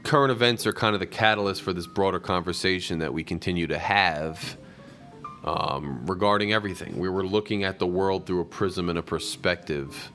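A man hosting a call-in show with a deep, low voice. He rambles with many fillers, and faint music plays behind him. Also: moderate pace, a bit bright. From New Jersey. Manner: rambling, with frequent fillers and restarts. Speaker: host. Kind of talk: live call-in podcast talk.

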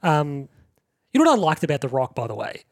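Animated man, fairly high voice. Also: fairly quick, no echo, studio quality. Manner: animated, laughs often, acts out movie quotes. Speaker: podcast co-host. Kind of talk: casual chat.

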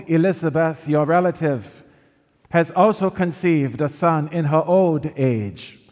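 Slow priest reading in cathedral echo. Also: male voice, a little high, a little mellow. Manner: slow, measured proclamation. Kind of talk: liturgical Gospel reading. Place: large church. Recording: long church reverb.

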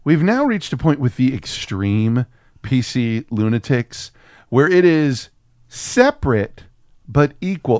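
An American podcast co-host from Texas chats casually and opinionatedly, sarcastic, ranting, and sweary. His mid-range voice is a little mellow, captured as a dry, clean studio recording.

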